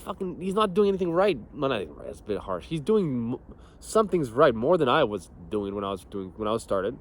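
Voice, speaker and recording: A man's voice: mid-range voice, sing-song, brisk. A young man, a fitness coach, talking casually and bluntly about training, swearing often and laughing as he tells stories. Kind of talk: casual motivational talk.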